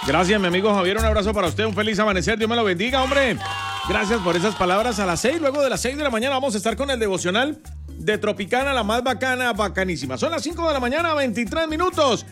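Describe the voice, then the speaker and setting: A man's voice: high voice, animated, fast, music in the background. A man hosting an early-morning radio show, repeating time checks and reading the news. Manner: upbeat, repeats time checks and station slogans.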